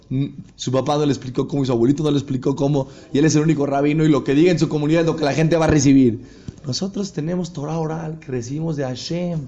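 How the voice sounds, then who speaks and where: A man's voice: a little high, lo-fi sound. A man, a rabbi giving a sermon and acting out the voices of a story. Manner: animated storyteller acting out dialogue.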